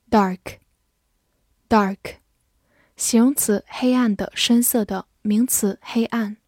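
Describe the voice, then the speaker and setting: A young woman teaching vocabulary in a recorded lesson, saying each English word twice clearly, then giving brisk explanations. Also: medium pitch, darkish tone, no echo, studio quality.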